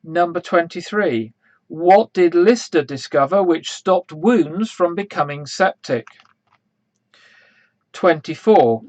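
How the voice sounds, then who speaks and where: Guy reading out quiz questions real slow, kinda high voice, dry close sound. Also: dry recording. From England. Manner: slow, measured, spells out names. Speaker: quiz host. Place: church, live stream.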